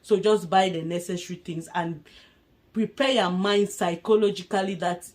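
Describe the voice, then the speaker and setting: A woman's voice: mid-range voice, steady tone, moderate pace, darkish tone. Chatty woman vlogger from Africa. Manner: chatty, laughs often, earnest advice. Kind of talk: casual advice vlog.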